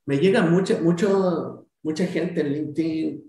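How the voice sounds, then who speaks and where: A man from Chile, a guest consultant talking in a casual interview, animated and talkative. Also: on the high side, measured pace, reverberant. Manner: animated, talkative, many restarts. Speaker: guest, SAP SuccessFactors consultant.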